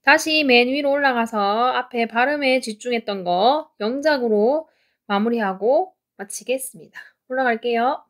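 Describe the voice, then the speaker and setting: A woman teaching an English lesson in Korean, patiently explaining pronunciation and repeating example sentences slowly. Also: a little high.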